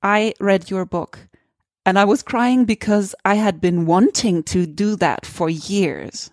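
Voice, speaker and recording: A woman's voice: medium pitch, takes it slowly, dry recording, clean studio sound. A woman with a German accent hosting a podcast, talking candidly in a searching way that often restarts phrases. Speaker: podcast host. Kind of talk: casual conversation.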